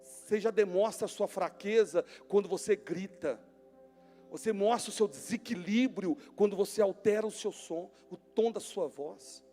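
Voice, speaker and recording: A man preaching a sermon as pastor, emphatic, swinging between near-shouts and hushed tones. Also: sits high, moderate pace. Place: church hall. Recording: long church-hall reverb with music behind.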